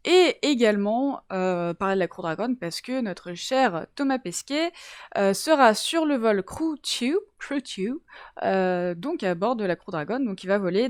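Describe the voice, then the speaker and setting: A woman's voice: medium pitch, smooth, no echo, studio quality. A woman from around Toulouse hosting a casual science live-stream, chatty and giggly, greeting viewers in the chat.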